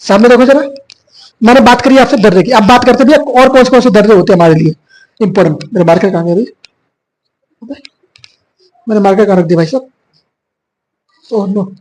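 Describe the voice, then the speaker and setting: A man teaching a classroom geography lesson, hoarse from a cough, repeating points and quizzing his students. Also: sits high, a little fast, long pauses, darkish tone, low-quality recording. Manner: repetitive, quizzing students with filler 'bhaiya'. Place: classroom with whiteboard.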